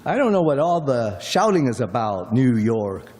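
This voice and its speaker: A man's voice: medium pitch, sing-song, moderate pace, darkish tone, natural voice. A man playing a chatty, folksy middle-aged cab driver in a radio play, rambling on in a drawl. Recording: long hall reverb.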